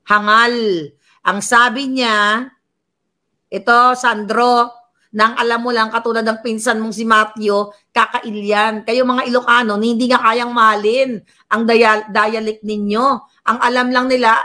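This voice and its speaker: A woman's voice: on the high side, flat delivery, unhurried, sharp tone. Woman, livestream commentator; sneering, mocking delivery, reads viewer comments aloud. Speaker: political commentary vlogger. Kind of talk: casual political commentary livestream.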